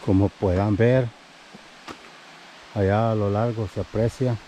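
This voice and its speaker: A man in his thirties narrates a casual family hiking vlog while walking and climbing through the woods, a little breathless, addressing viewers as "mi gente" through an action camera held out at arm's length. His lowish voice is steady, measured and mellow, with slight background noise on a rough recording.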